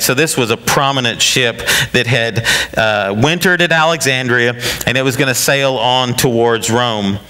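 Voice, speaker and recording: A man's voice: mid-range voice, sharp tone, clear, resonant tone. A middle-aged man preaching a sermon in a small wood-walled church, folksy and rambling, with many fillers and restarts. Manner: gestures broadly while preaching. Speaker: pastor.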